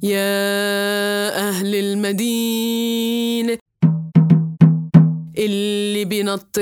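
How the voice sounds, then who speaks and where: A woman's voice: mid-range voice, natural voice. A woman voicing a solemn town crier making a royal proclamation. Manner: slow, drawn-out proclaiming.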